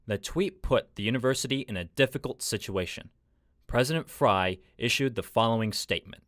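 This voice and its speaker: A man delivers a scripted news report. His pitch is middling and the recording is dry, with no room sound around the narration. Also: a little fast, a bit bright, dry recording.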